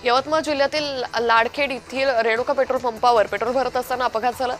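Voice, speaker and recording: A woman reading a fast news bulletin as anchor, in a brisk, even headline delivery. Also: on the high side, soft background music. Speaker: news reader.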